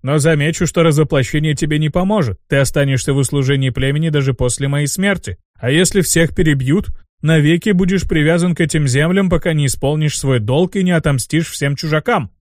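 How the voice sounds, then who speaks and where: A man's voice: on the high side, fairly quick, a little mellow, no room sound, clean studio sound, lightly acted. A man voicing a wily, fawning troll chieftain who speaks in a reverent, ceremonious way. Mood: sober.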